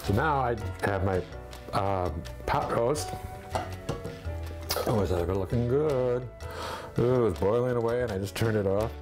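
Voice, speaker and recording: A man, hosting a casual home cooking demonstration and talking through each step in a relaxed, chatty way. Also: mid-range voice, measured pace, pauses often. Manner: relaxed, chatty, thinks aloud with fillers. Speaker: cooking show host. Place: home kitchen, indoors. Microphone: fixed camera at a distance. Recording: home kitchen with background music. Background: background music.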